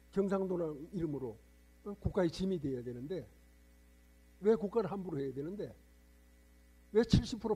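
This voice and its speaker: Husky, mellow-voiced monk lecturing a congregation. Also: male voice, sits high. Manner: lecturing, rhetorical questions to congregation. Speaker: Buddhist monk preacher. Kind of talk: sermon. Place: temple hall with congregation.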